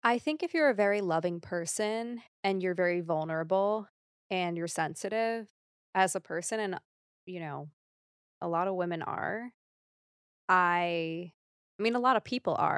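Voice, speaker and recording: A woman's voice: fairly low pitch, clean tone, dry recording, clean studio sound. A young woman talking candidly as a podcast guest, rambling with lots of fillers and the odd nervous laugh. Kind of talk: casual podcast conversation.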